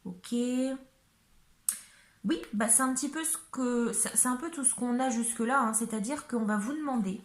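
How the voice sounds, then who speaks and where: A woman's voice: on the high side, normal speed, echoey room. A woman giving a casual tarot card reading to camera in a chatty, hesitant way, with lots of fillers and frequent check-ins with her viewers.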